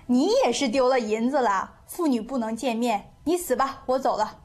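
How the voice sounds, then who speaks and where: A woman's voice: fairly high pitch, darkish tone, lightly acted. A woman doing the mischievous monk Ji Gong. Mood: teasing. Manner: playful, mocking, sings a slow folk ditty. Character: mischievous eccentric male Buddhist monk, merry and teasing. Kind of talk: storytelling.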